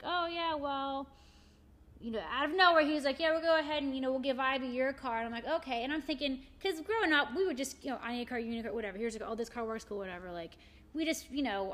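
A woman's voice: fairly high pitch, fairly bright tone. Rambling woman chatting casually. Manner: rambling, heavy on "you know" fillers. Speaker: guest, shop owner and arts volunteer. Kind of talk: casual conversation.

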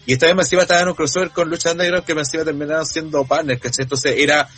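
A man's voice: fairly high pitch, steady tone, rapid-fire, a bit bright, breathy edge, soft background music. A man with a Chilean accent telling a story in casual podcast chat, slangy and rambling with restarts. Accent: Chilean Spanish. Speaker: podcast co-host. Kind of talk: casual chat about wrestling.

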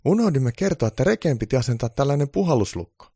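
Guy doing a squeaky young elf girl, all eager explaining, dry close sound. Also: very animated, warm tone, husky, dry recording. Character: young female Christmas elf, eager helper.

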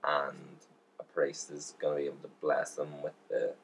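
A man with a very low, deep voice co-hosts a casual podcast. He swears freely and tells stories with animated emphasis, filling the gaps with "like" and "mate". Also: moderate pace, vocal fry, slight background noise. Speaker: podcast co-host. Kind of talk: casual chat.

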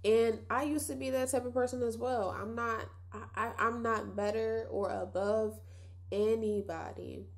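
This young woman's nasal voice is fairly high and steady, with a measured pace. As host of a casual solo podcast, she is chatty and reflective, addressing her listeners directly.

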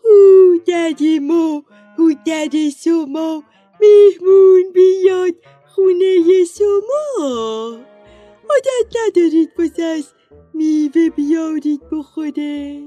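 A woman voicing a loud, easily bored male giant demon in a children's story, chanting his lines slowly as booming shouts. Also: animated, no echo, faint music behind.

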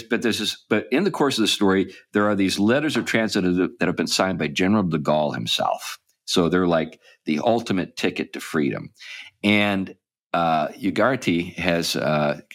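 Podcast host, male, low voice, loose and meandering delivery. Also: lively intonation, normal speed, a bit bright. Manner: rambling, with frequent ums and restarts. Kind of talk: casual chat.

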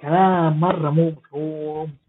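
A man's voice: on the high side, fairly even intonation, a little slow, a little hiss or hum. A man giving sarcastic, mocking political commentary in a rambling way. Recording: tinny phone-like audio.

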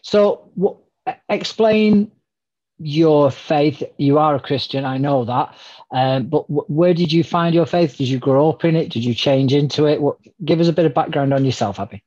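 A man's voice: on the high side, normal speed, darkish tone, muffled recording. A man co-hosting a podcast, full of cheerful, self-mocking banter. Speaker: podcast co-host. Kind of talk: casual chat.

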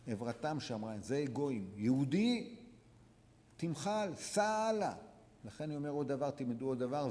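A man, a rabbi, teaching a religious lesson to students, urging them on with repeated short commands and sudden swings between quiet and loud. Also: mid-range voice. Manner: exhorting, repetitive, sharp swings from soft to loud. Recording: long hall reverb.

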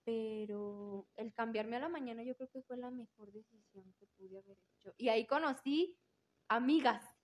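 A woman's voice: on the high side, normal speed, rough recording. A woman with a Mexican Spanish accent telling a personal story in an interview, candid and casual, swearing freely and repeating words for emphasis. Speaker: interview guest.

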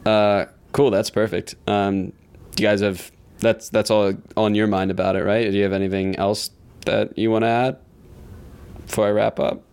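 Give me a low, gravelly, smooth-voiced young man casually wrapping up an interview, flat and unhurried in tone.

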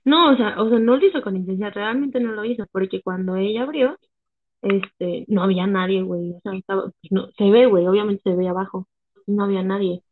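A woman's voice: mid-range voice, fairly quick. Slangy Mexican woman, tinny phone sound. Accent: Mexican Spanish. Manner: slangy, swearing, animated storytelling. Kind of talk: casual chat.

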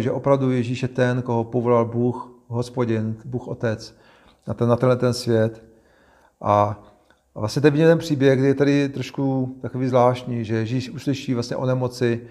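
Male preacher, expressive Bible reading, plain mid-pitched voice.

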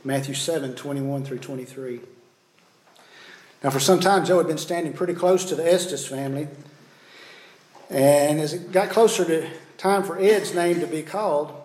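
A man's voice: on the high side, normal speed, darkish tone. A man preaching a sermon, telling a judgment story and citing scripture verses. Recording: roomy echo.

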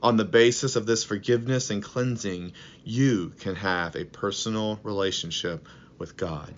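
A man preaching a podcast sermon in an earnest, measured way and telling a story to make his point. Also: fairly low pitch, muffled recording.

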